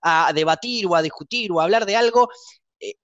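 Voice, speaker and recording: A young Argentine man hosting a casual podcast chat, talking emphatically and with passion, so that he sounds angry even when he is not. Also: high-pitched, a little fast, dry recording, highs cut off. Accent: Argentine Spanish. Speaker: podcast host.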